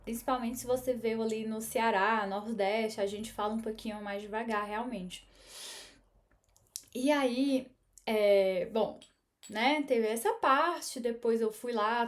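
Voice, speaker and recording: Brazilian-accented woman, slightly high voice, earnest confiding vlog storyteller. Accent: Brazilian Portuguese. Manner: chatty, earnest, with frequent tag questions. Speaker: spiritual teacher and medium.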